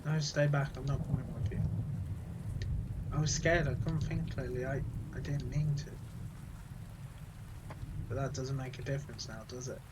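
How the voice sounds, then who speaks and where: A man reading a guilt-ridden teenage boy, halting and quiet. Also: mid-range voice, steady tone, heavy background noise, lightly acted. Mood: despairing. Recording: game music playing behind.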